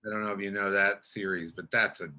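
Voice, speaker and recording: An older man talks as a guest on a casual podcast, his voice bright and forceful. He rambles and stumbles through his stories, restarting sentences and circling back on himself. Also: fairly low pitch, steady tone. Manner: rambling, halting storyteller with many restarts. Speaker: guest actor.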